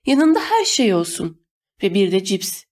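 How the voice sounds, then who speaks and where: A woman's voice: mid-range voice, very animated, a little slow, a little mellow. A woman voicing a blunt, sarcastic teenage boy in an audiobook. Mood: mocking.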